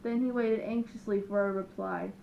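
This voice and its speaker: A woman reading a children's picture book aloud with lively, expressive narration. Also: mid-range voice, normal speed, gravelly, lo-fi sound, a little hiss or hum. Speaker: storyteller. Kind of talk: children's storybook read-aloud.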